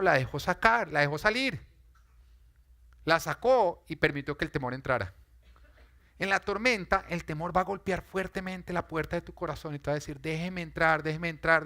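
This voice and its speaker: Forceful, bright-voiced male pastor preaching. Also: fairly high pitch. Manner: emphatic, dramatic, rises and falls in intensity. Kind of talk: sermon.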